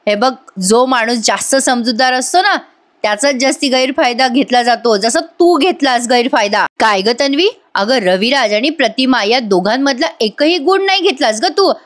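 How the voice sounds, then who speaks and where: A woman playing an older patriarch from a soap opera. He lectures in a measured, stern way as he sends someone out. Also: high voice, natural voice. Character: older father-in-law, calm but stern patriarch.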